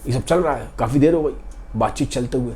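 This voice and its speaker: A man casually retelling a novel's story, animated, slipping English phrases into his speech. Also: medium pitch, quick pace.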